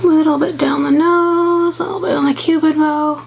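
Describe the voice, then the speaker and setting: Speaking briskly in a high voice with vocal fry and fairly even intonation, a young beauty vlogger from the American South chats through her makeup routine at a home makeup table. She sounds sniffly and congested, rambles and second-guesses herself with plenty of fillers, and the home recording is noisy.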